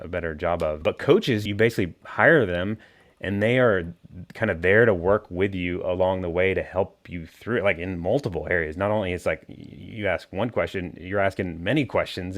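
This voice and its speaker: A man hosting a podcast in a relaxed, rambling way, full of fillers. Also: low voice. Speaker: podcast host. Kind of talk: casual podcast conversation.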